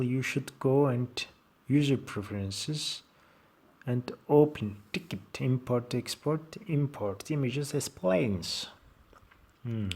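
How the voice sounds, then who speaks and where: A man with a Turkish accent walks through an informal software tutorial. He speaks slowly, at a middling pitch, in halting and fragmented non-native English phrases. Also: vocal fry. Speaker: tutorial presenter.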